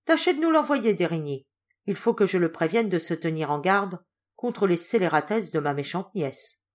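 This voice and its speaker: A woman voicing an excitable, warm-hearted old male general in an audiobook, speaking emphatically. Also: on the low side, moderate pace, lightly acted. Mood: agitated.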